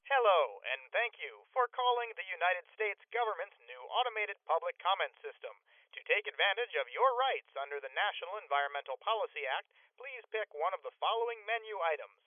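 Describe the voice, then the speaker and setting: A man's voice: high-pitched, expressive, a little fast, no room sound, narrow, tinny audio. A man playing a blandly polite automated government phone menu voice, with formal, stilted prompts in a scripted comedy parody.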